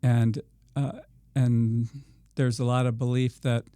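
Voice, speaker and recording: A man speaks slowly and haltingly, filling gaps with "um" and "uh" as he restarts his sentences. His voice is smooth and dark and stays flat in pitch. The recording is dry and close, with no room sound. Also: no room sound. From Iowa. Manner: slow and halting, many fillers and restarts. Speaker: organic farmer guest. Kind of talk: podcast interview.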